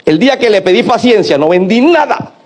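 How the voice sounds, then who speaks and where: A middle-aged man preaches, his voice sitting noticeably high for a man. He keeps asking the congregation questions and has them repeat key words back to him. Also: sing-song, fairly quick, darkish tone. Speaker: pastor. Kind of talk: sermon.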